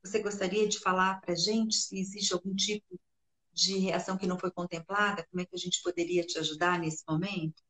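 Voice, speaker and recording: A woman with a Brazilian Portuguese accent co-hosting a live chat, asking questions in a gentle, responsive way. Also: fairly low pitch, steady tone, fairly quick. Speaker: live co-host.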